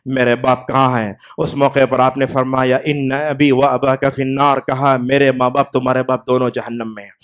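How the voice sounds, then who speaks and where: A man's voice: mid-range voice, smooth. A man delivering a Friday sermon in a mosque, telling stories with a voice that rises and falls with the tale. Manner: storytelling preacher, voice rising and falling with the tale. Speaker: preacher.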